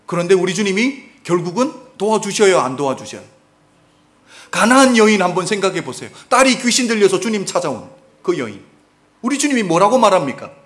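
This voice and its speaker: A male pastor delivers an animated sermon in a high voice that leaps up and down. He keeps asking the congregation questions and shifts from loud emphasis to near-quiet asides. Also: a little fast. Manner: animated preaching, asks the congregation questions, swings between loud and soft. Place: church sanctuary.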